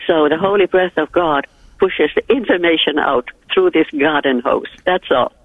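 A woman's voice: lowish voice, normal speed, no room sound. A woman from Finland with a Finnish accent, calling in to a radio show and speaking earnestly about her faith over the phone. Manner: earnest, devout. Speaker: caller. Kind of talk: call-in radio chat. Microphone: telephone. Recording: tinny phone line.

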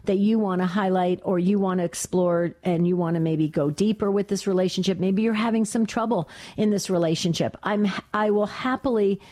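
An older woman hosts a faith call-in radio show, speaking at a middle pitch for a woman. She talks in a chatty, rambling way and keeps restarting her sentences. She grew up in New Jersey. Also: a little fast. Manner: chatty, warm-hearted, many restarts. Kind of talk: talk radio monologue.

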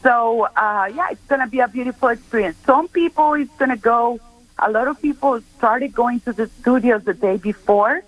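A woman's voice: a little high, normal speed, no echo, poor audio. Earnest middle-aged woman from Costa Rica. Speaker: guest speaker. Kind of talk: radio interview chat.

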